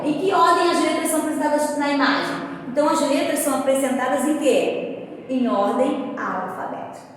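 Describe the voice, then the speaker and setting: High-voiced Brazilian teacher in echoey room. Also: female voice, a little hiss or hum. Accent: Brazilian Portuguese. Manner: patient, checks in often with "tá bom?" and "ó". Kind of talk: guiding children through workbook exercises. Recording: echoey room with strong reverb, faint ambience.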